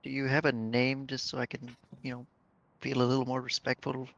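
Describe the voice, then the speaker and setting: A man's voice: medium pitch, completely flat delivery, brisk, gravelly, a bit bright, muffled recording. A man playing a tabletop game in character, asking polite, hesitant questions. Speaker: player.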